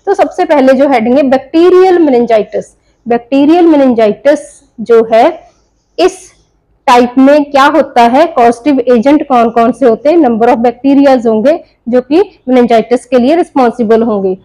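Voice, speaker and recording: An Indian nursing tutor with a high, mellow voice gives an explanatory lecture at a moderate pace, captured on a rough recording. She explains in Hindi mixed with English terms, posing questions and answering them herself.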